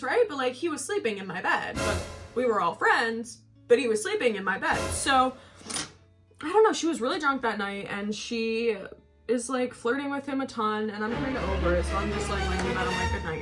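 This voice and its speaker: A woman's voice: fairly high pitch, lively intonation, fairly quick, fairly bright tone, faint music behind. A woman in her twenties chatting casually and candidly to viewers in a slangy, gossipy get-ready-with-me storytime. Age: 20s. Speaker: vlogger.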